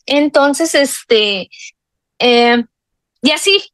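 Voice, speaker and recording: A woman in her forties shares a personal testimony in a slightly high voice. She talks earnestly and confidingly, often pausing on fillers and tag questions. The recording is dry and close, with no room echo. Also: fairly bright tone. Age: 40s. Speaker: guest sharing a healing testimony.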